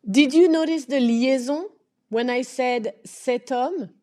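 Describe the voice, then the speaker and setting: A woman teaching a French lesson, speaking carefully and deliberately and repeating example words. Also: high-pitched, mellow. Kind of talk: slow, clearly enunciated language lesson.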